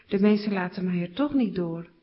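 A woman voicing a blind male beggar who calls out loudly in a raised voice. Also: animated, fairly quick, close to an everyday voice. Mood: doubtful. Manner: crying out loudly, high-pitched. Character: blind male beggar, pleading then overjoyed. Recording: slightly dull recording.

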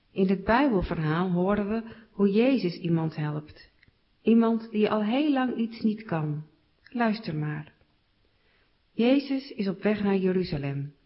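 A woman telling a Bible story to children in simple, clear words. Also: medium pitch. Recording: slightly dull recording.

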